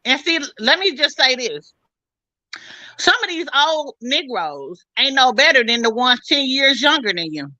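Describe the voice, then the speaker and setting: A woman talking bluntly and loudly in a casual podcast chat, full of slang. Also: high voice, sing-song, unhurried, dry recording, rough recording. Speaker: panelist.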